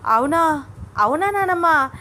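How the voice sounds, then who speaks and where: Excitable young bride in a story, high and bright, read by a woman. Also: normal speed, slight background noise, close to an everyday voice. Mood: excited. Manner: bubbly, excitable. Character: lively young wife, excitable and shy.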